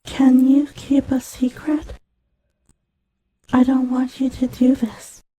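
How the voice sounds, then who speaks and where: A woman voicing a frightened, lonely seven-year-old child trapped in a machine, speaking haltingly and pleadingly in an audio drama. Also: sits high, flat delivery, noisy background. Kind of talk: scripted audio drama monologue.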